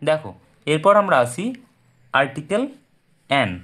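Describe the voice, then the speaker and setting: Male teacher, slightly raised pitch, patient, walks through examples step by step. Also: lively intonation, measured pace, a bit bright. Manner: patient, repeats points and asks then answers his own questions. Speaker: English teacher. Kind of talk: explaining a lesson. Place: indoors at a desk with paper and pen.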